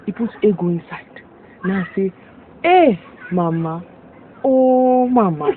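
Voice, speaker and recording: A woman's voice: lowish voice, sing-song, unhurried, slight background noise. A woman with a Nigerian Pidgin accent plays a weary village woman who complains in an exasperated way. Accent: Nigerian Pidgin English. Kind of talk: film drama acting. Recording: tinny lo-fi audio with loud music.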